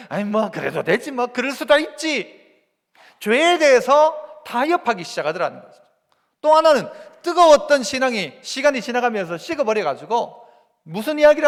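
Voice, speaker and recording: Male pastor, Gyeongsang accent, high lively preaching voice, long church reverb. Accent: Gyeongsang Korean. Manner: animated preaching, rhetorical questions to the congregation. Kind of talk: sermon. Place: church sanctuary.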